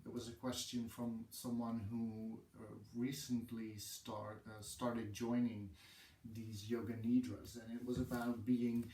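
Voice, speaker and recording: A man's voice: medium pitch, a little mellow, echoey room, far from the mic. A man with a Dutch accent, a yoga teacher, talking casually to camera with many hesitant ums. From Netherlands. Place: room with a wooden floor.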